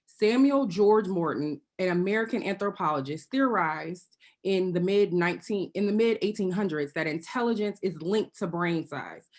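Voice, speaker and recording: A woman giving prepared remarks as a panelist over a video call. She speaks earnestly and pointedly, with wry asides, and now and then clears her throat. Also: fairly low pitch, moderate pace, darkish tone. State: occasionally choking and clearing throat.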